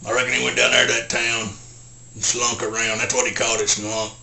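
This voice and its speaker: Halting rural Southern simpleton storyteller, forceful edge, monotone, grunting hums, film-parody style, faint background noise. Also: male voice, mid-range voice, creaky, reverberant. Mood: deadpan, plodding. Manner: halting, deadpan, grunts "hmm" between short sentences. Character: Karl Childers, slow simple-minded rural Southern man. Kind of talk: folksy storytelling, film character impression.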